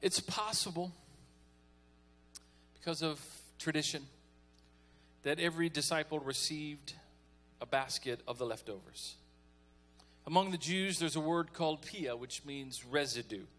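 A man's voice: fairly high pitch, unhurried, sharp tone, soft background music. A man preaching a folksy, conversational sermon as pastor, calling on the congregation to respond.

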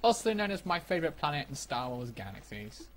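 A man's voice: fairly high pitch, sing-song, fairly quick, fairly bright tone. A man chatting casually with friends over voice chat during a game, stumbling and repeating words as he talks. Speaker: gamer in voice chat. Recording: noisy voice chat mic.

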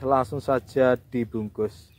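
A man's voice: mid-range voice, steady tone, slow, a little mellow. A man with a Javanese accent hosting a casual sales showcase in enthusiastic, exclamatory patter. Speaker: host presenting bonsai trees for sale. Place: outdoor yard of a village nursery. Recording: outdoor noise with roosters and birds. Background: roosters crowing, birds.

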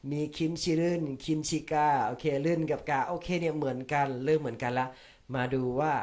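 A man talks through listening-test tactics in a relaxed, conversational teaching style. He keeps adding polite filler particles as he goes. His voice sits at an ordinary middle pitch. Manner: chatty, repeats polite sentence particles. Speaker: language teacher. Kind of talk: casual explanatory lesson.

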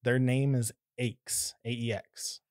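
A man narrating a tabletop game as game master, casual and quick to laugh, with frequent fillers. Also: medium pitch, level tone, a little mellow.

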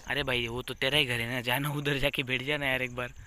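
A man's voice: mid-range voice, flat delivery, a little fast, noisy background. A young man giving casual, joking gameplay commentary as a gaming YouTuber, teasing the baby on screen.

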